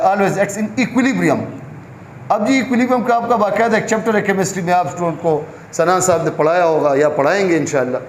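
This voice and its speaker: A man's voice: sits high, a little hiss or hum. A male biology lecturer gives a classroom lecture, asking questions and answering them himself. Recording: echoey room with faint background ambience.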